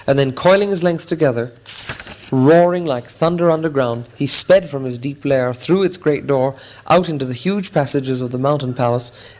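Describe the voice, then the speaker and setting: Male narrator, audiobook storytelling, measured and expressive, mid-pitched voice. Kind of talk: scripted narration.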